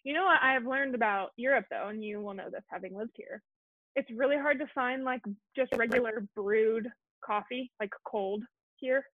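A young woman from Colorado hosting a casual chat, talking quickly and poking fun at herself. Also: fairly high pitch, dry recording. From Colorado, USA. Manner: chatty, quick, self-deprecating. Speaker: podcast host. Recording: tinny phone-like call audio.

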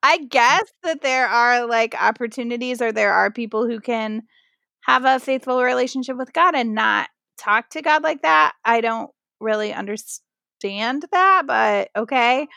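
A woman's voice: fairly high pitch, unhurried, creaky, no echo, clean studio sound. A woman, a pastor, talking animatedly with lots of "like" fillers in a podcast interview. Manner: animated storytelling, frequent "like" fillers. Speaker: pastor and guest.

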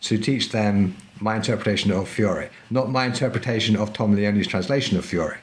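Guesting on a podcast for a casual chat, a middle-aged man who teaches historical fencing speaks at a moderate pace in a somewhat low voice. He's emphatic and talkative, often tossing in "right?" to check in with the listener.

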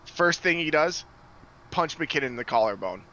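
A man's voice: fairly high pitch, animated, moderate pace, highs cut off, a crowd in the background. A young man co-hosting a podcast, brash and swearing in casual chat. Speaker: podcast co-host.

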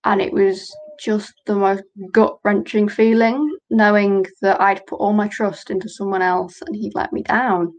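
A woman's voice: mid-range voice, little pitch movement, a little slow, hardly any pauses, rough recording. Earnest woman telling her story. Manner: earnest, candid, reenacts quotes. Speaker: guest, small business owner. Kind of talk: conversational storytelling.

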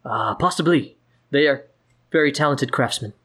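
A man voicing a calm, formal ally who explains things in a tabletop fantasy game. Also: mid-range voice, moderate pace, husky. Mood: reassuring.

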